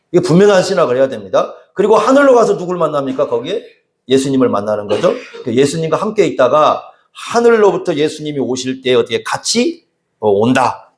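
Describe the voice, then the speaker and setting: A pastor preaching to his congregation, his fairly high voice rising and falling a great deal as he fires questions and answers them himself. The sound is roomy, with the echo of a church hall around him. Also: darkish tone. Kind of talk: expository sermon. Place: church sanctuary.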